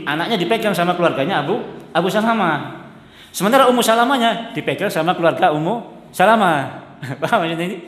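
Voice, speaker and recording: A man teaches a religious study lesson, chatty and often asking his listeners whether they follow. His voice sits fairly high. The recording carries the long, roomy reverb of a large hall. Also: a bit bright. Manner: chatty, keeps checking the audience understands, laughs often; mixes in Javanese phrases and chants Arabic text. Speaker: Islamic preacher.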